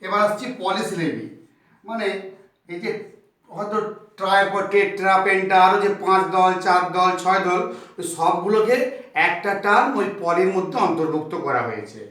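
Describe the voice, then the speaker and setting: A male teacher giving a beginner grammar lesson, sounding out words slowly and counting syllables. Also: high-pitched, a bit bright. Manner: slow, clear syllable counting. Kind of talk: tutorial lesson. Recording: very echoey room, mic far off.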